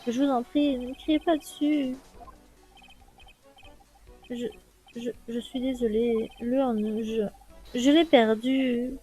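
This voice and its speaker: A woman voicing a timid, stammering masked male thief who speaks softly and apologetically, hesitating and contradicting himself. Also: fairly high pitch, fairly even intonation, a little slow, faint music behind, close to an everyday voice. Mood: timid, apologetic. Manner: soft-spoken, apologetic.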